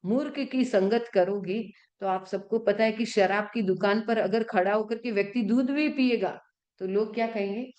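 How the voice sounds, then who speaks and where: A woman, a Jain nun, teaching a class in religious chanting and pronunciation. She asks the class questions and answers them herself, and slows right down to sound out words. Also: medium pitch, darkish tone, muffled recording. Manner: stretches words slowly when showing pronunciation.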